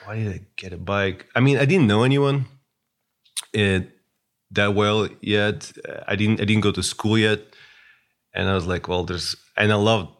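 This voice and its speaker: A man's voice: fairly low pitch, moderate pace. A man, a guest chatting casually and hesitantly, with many fillers and restarts. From Russia. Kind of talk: casual interview chat.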